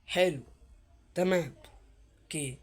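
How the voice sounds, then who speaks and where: A man with an Egyptian Arabic accent doing casual gameplay commentary. He is chatty and excitable, talks straight to his viewers, and repeats words under his breath while he searches. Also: a little high, unhurried. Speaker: gaming YouTuber.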